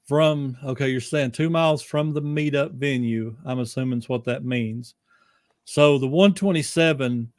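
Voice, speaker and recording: A man's voice: mid-range voice, no room sound, studio quality. Easygoing man explaining things loosely. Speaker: guest podcaster. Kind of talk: casual podcast chat.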